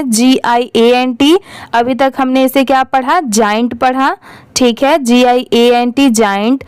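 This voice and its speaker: Hindi-accented woman teacher, slow and patient, crisp clear voice, spells out words letter by letter. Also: sits high, dry recording, low-quality recording. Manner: spells words letter by letter, then asks how to read them. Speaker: English reading teacher. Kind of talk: slow spelling-out reading lesson.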